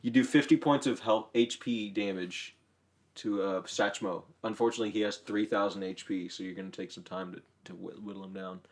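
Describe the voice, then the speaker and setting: A man's voice: lowish voice, steady tone, a little fast. A young man hosting a casual podcast, joking around and spinning a silly hypothetical story for his friends. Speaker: podcast host. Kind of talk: casual chat, running a hypothetical.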